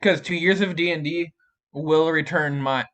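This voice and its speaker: A man's voice: a little high, normal speed, fairly bright tone. A man running a tabletop game as game master on a livestream, thinking aloud with many restarts.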